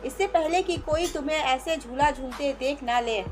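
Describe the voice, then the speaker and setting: A woman's voice: high voice, normal speed, soft background music, lightly acted. A woman reading the lines of a strict, bossy middle-aged mother-in-law who scolds her daughter-in-law, in a storybook narration. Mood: scolding. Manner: commanding, scolding.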